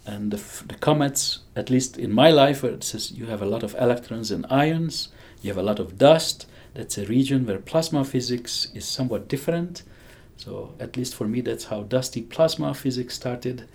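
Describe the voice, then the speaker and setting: Speaking at an ordinary pace in a slightly mellow, mid-range voice, a male physicist in his sixties chats enthusiastically with an interviewer. His Hungarian accent is clear, and he laughs often and keeps starting his sentences over.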